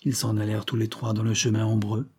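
A man narrating a novel as an audiobook in a measured, even storytelling manner. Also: on the low side, husky.

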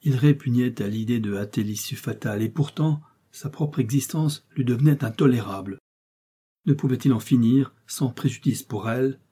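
A man's voice: medium pitch, normal speed, dark tone, husky, close to an everyday voice. A man voicing a loyal old male servant who speaks earnestly and pleads, in an audiobook reading.

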